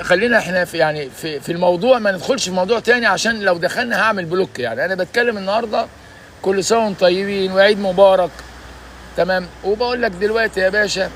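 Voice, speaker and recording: A man's voice: high-pitched, a bit bright, a little hiss or hum. Emphatic 60s man with Egyptian accent, preaching. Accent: Egyptian Arabic. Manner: emphatic, preachy, repeats "ya basha". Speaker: vlogger giving life advice. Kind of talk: casual motivational talk.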